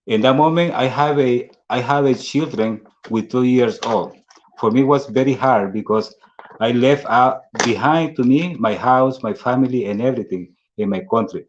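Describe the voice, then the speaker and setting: A man in his forties with a Salvadoran Spanish accent speaks in slow, earnest and halting English, at an ordinary pitch for a man. The audio is dull and lo-fi. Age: 40s. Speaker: speaker at a fundraising dinner. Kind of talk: prepared personal speech.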